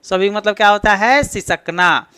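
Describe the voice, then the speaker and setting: A man's voice: high-pitched, measured pace, bright, forceful tone, clean tone, dry recording. A man with a Bihari Hindi accent teaching an exam-prep English lesson, explaining step by step and answering his own questions. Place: classroom with a board.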